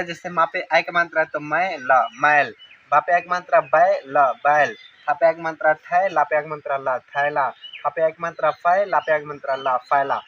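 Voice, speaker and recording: High, bright man teaching reading. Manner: sounds out syllables slowly, repeats words for correct pronunciation. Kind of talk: children's reading lesson. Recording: dull lo-fi recording with faint noise.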